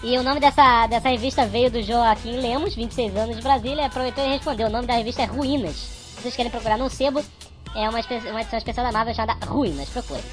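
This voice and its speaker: Sped-up chipmunk voice, rattling along fast, wry. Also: male voice, music in the background. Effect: sped-up high-pitched voice.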